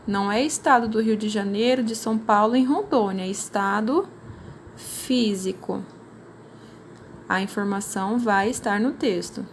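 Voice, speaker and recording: A primary school teacher with a Brazilian Portuguese accent speaks briskly in a mid-range voice, hardly pausing, over slight background noise. She patiently explains worksheets in a recorded class, regularly closing with "né?".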